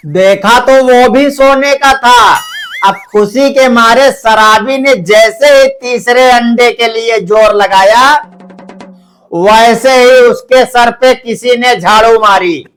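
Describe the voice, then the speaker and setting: A man telling a string of short jokes in a measured storytelling delivery, over faint background music. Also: very high voice, fairly bright tone. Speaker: joke teller. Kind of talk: narrated joke telling.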